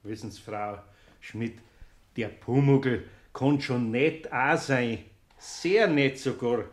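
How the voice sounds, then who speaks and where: A man playing a gentle old Bavarian carpenter. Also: mid-range voice, close to an everyday voice. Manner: slow, soft-spoken, coaxing. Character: kindly old master carpenter, gentle and patient. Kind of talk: radio play acting. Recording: roomy studio recording.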